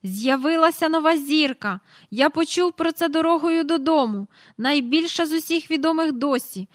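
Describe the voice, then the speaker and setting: An excitable middle-aged father, voiced by a woman reading aloud, bursting with exclamations in a storybook. The delivery is pitched high and loud, tumbling with breathless wonder. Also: moderate pace, no room sound, clean studio sound. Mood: excited.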